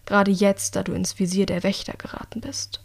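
A woman reading as a cold, soft-spoken young killer. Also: mid-range voice, level tone, gravelly. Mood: quietly menacing. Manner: quiet, measured, icily polite. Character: calm, coldly menacing young woman assassin.

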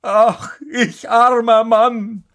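A man's voice: medium pitch, big pitch swings, takes it slowly, pitched above the performer's own voice, heavily acted. A man playing a stubborn, self-pitying male carter in a spoken fairy tale, grumbling dismissively and wailing over his losses.

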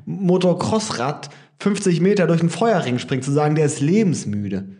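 A young man chats casually as a podcast co-host. His voice sits a bit high, and he argues his point in loose, rambling sentences full of restarts. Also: lively intonation, normal speed, mellow. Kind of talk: casual chat.

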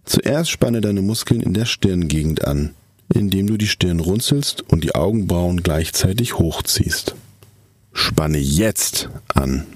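A man narrating a scripted guided relaxation exercise in a soft, calm, soothing voice with measured, drawn-out instructions. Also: low-pitched, husky, no room sound.

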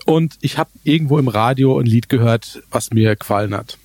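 A man co-hosting a German tech podcast, telling stories in a relaxed way with many fillers. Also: mid-range voice, brisk, no room sound. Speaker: podcast co-host. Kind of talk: casual tech chat.

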